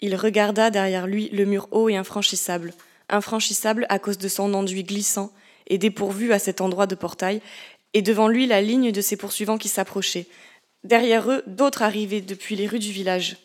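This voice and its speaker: A woman narrating a story as an audiobook in a measured, steady reading voice. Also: medium pitch.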